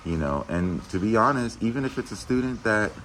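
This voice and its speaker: A man's voice: on the low side, lively intonation, a little fast, a bit bright, slight background noise. A middle-aged man and school administrator talking earnestly and casually to teachers in a video message, with many "you know" fillers.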